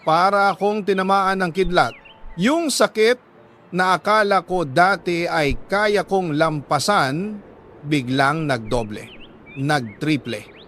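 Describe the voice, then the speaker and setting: With a high-sitting, fairly bright voice, a man with a Filipino accent narrates a listener's letter as a radio drama host. His storytelling is sorrowful and deliberate, marked by dramatic pauses, and a slight background noise can be heard.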